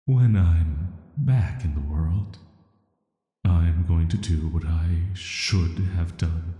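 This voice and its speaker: In an atmospheric sleep-aid roleplay, a man plays an ancient banished villain who is intimate and quietly dangerous. His very low, dark, soft voice is flat, deliberate and flirty, with a tender, seductive mood. Heavy echo and long reverb surround him.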